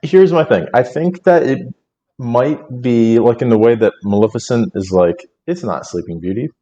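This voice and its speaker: A man's voice: mid-range voice, moderate pace, dark tone, lo-fi sound. A man co-hosting a film podcast in casual chat, rambling with lots of fillers and frequent laughter. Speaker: podcast co-host.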